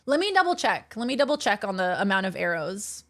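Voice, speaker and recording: A woman chatting casually and playfully as she comments on the game she is streaming, expressive and a bit silly. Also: mid-range voice, fairly quick. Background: game music.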